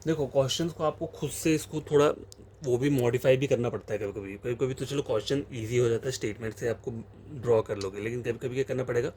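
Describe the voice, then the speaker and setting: Guy teaching reasoning, mellow voice, keeps repeating "theek hai", faint hiss behind. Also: mid-range voice, steady tone. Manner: explanatory, repeats phrases and fillers, slow reading of question text. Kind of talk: exam-prep lesson, solving questions on a board.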